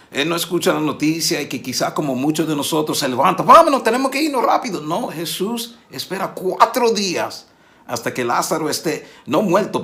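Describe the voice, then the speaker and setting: A man's voice: mid-range voice, fairly bright tone. A man preaching a Sunday sermon in a conversational way, often asking the congregation rhetorical questions.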